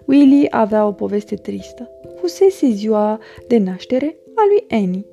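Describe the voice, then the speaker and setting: A woman narrating a children's storybook with a gentle, expressive reading. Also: mid-range voice, creaky, faint music behind.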